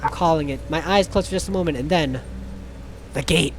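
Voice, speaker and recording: With a mid-range voice at a fairly quick clip, the group's reader works through a visual novel's text for comedy, swearing and stumbling and adding jokey remarks. There's background noise, and loud music plays beneath the speech.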